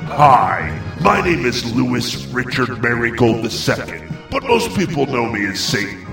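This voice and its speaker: A man playing Satan as an exasperated huckster devil, pitching in a comedic spoof, in the echo of an elevator shaft. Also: big pitch swings, measured pace. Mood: smarmy selling. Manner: salesman patter, stammering, bursting into irritated rants. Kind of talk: comedic spoof radio commercial. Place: echoing enclosed space, presented as an elevator. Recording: roomy echo, distant mic, music behind.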